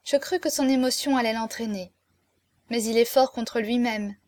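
A woman reading a novel aloud in the first person, with measured, expressive scripted narration. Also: on the high side, no room sound. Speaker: audiobook narrator.

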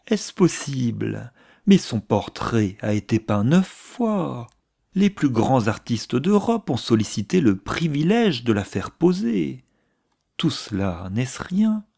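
A man reading a novel aloud, voicing an effusive, gossiping older aristocratic woman with theatrical, hushed asides. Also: mid-range voice, creaky, heavily acted.

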